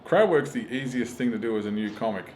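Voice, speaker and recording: In poor audio with a little hiss or hum, a middle-aged Australian stand-up comic talks fast and animatedly in a medium-pitched, somewhat mellow voice. He chats casually, swearing openly and telling emphatic stories with performed quotes.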